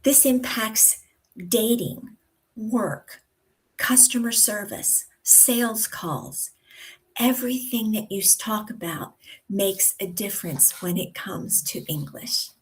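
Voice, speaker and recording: An American woman coaching pronunciation, speaking deliberately and drawing out example words with careful articulation. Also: medium pitch, low-quality recording. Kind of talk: instructional talk to camera.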